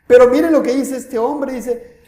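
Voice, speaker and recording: A man preaching a sermon with fervent rhetorical questions, his voice swinging between loud and hushed. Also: extremely high pitch, steady tone, normal speed, roomy sound. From Peru. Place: church.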